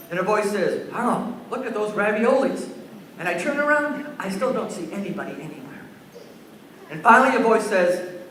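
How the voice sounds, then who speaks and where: A man's voice: high-pitched, a bit bright, heavy reverb, slight background noise. A man presenting a school assembly to young children, telling a story and asking the kids questions, recorded in a large gym by a far-off camera. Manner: asks the children questions and takes answers.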